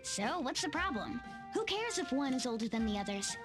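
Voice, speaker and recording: Brash young RPG heroine, commanding, sassy, high lively voice over game music. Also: female voice, moderate pace. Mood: confident, sassy. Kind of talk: English video game voice acting.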